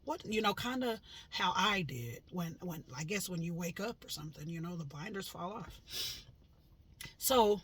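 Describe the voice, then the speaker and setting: Breathy woman telling a dream, animated. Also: fairly low pitch, normal speed. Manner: animated, loud when quoting herself, many fillers. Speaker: vlogger recounting a dream. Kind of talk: casual storytelling.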